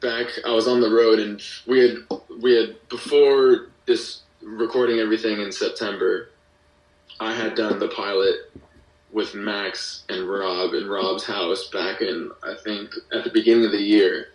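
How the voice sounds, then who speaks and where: A young American man speaks a little slowly, his lowish voice holding fairly even intonation. Guesting on a podcast as a musician and audio drama creator, he explains things casually in a rambling fashion, breaking off his own sentences, and the recording is echoey with him distant from the mic.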